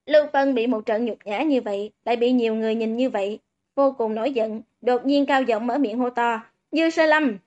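High-voiced woman narrating a novel. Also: a little mellow. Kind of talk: audiobook narration. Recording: dull lo-fi recording.

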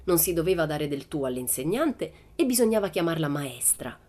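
A woman reading a children's storybook aloud in a lively, expressive narration. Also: low voice, normal speed. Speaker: audiobook reader.

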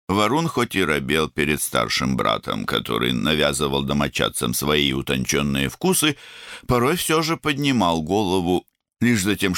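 A man narrates a novel in a very low voice that still sounds bright and lively. The recording is close and dry. He reads expressively, with a wide pitch range. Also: creaky, no echo. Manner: expressive reading, voicing characters with shifts of pitch. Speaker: audiobook narrator.

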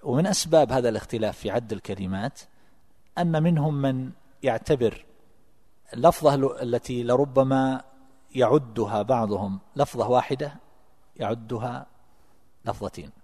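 A man teaching a religious text, reading passages aloud and explaining them in a measured lecturing manner. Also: mid-range voice, mellow, long reverb tail. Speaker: sheikh teaching a classical text. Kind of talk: religious lesson explaining a treatise. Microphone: amplified lecture microphone.

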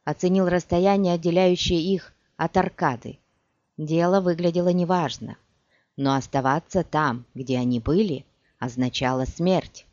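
A man reading a fantasy audiobook aloud in an animated storytelling manner. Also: sits high, dry recording. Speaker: audiobook narrator. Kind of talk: scripted fantasy narration. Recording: dull dry lo-fi recording.

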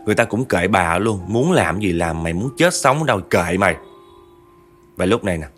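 Man, dramatic horror storytelling, low voice, soft music behind. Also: animated, normal speed. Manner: dramatic, addresses listeners directly.

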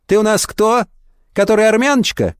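A chattering little old watchman, fussing and exclaiming in a higher, lively voice, as a male narrator plays him. The sound is dry and close, with no room around it. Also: normal speed, clean tone, no room sound, close to an everyday voice. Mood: fussy. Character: fussy, kindly little old man watchman.

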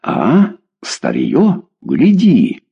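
A man's voice: mid-range voice, wildly swooping pitch, drawn-out words, creaky, slightly rough, lo-fi sound, pitched above the performer's own voice, exaggerated voice. A man doing an eager, pleading old husband.

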